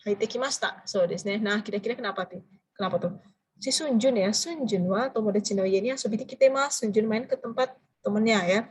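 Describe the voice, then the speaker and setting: A woman teaching a language class, explaining phrases and quizzing her students with drawn-out prompting questions. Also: mid-range voice, a little mellow, husky, low-quality recording. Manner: switches between explaining and drilling phrases. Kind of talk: interactive classroom lecture.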